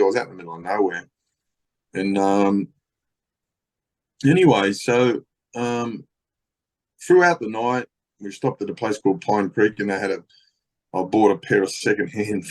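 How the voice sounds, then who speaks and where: A middle-aged Australian man telling stories as a podcast guest, rambling, swearing a lot, with many fillers. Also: on the low side. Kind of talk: casual storytelling.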